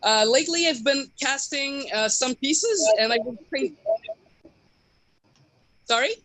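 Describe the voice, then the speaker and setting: Bright-voiced person from Quebec, halting and informal. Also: sits high, no echo, rough recording. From Quebec, Canada. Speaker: hobby sculptor streamer showing work. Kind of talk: casual live shop tour. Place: home workshop in a house. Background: bubbling aquarium water, passing truck.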